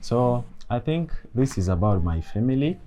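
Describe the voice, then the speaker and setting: A young man from eastern Congo speaking in a documentary interview, halting and searching for words. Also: mid-range voice, big pitch swings, crowd noise. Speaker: refugee interviewee.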